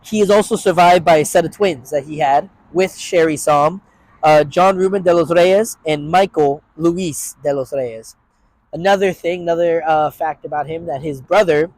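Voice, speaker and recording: Male reviewer paying a subdued, halting tribute, a slightly higher voice, dry close recording. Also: dry recording, poor audio. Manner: somber, halting. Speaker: TV episode reviewer.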